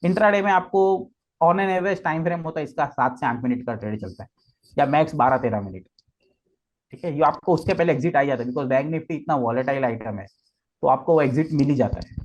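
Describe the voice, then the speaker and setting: A man's voice: on the high side, lively intonation, brisk, rough recording. A man walking through trading charts step by step, mixing Hindi and English and checking in with frequent "okay"s. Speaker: trading guest expert. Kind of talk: explanatory chart walkthrough.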